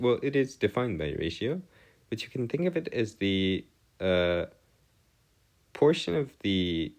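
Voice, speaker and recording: This deep-voiced male math tutor has a darkish tone and lets his pitch swing widely as he works through a partly improvised explanatory lesson. He talks in formal, wordy phrases, often hesitating and rephrasing himself.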